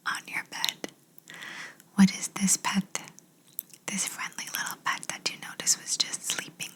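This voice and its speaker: A woman whispering slowly in an ASMR video, guiding the listener through gentle imagination questions. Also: mid-range voice, breathy edge, rough recording. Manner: slow soft whisper, asking gentle questions. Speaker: ASMR creator.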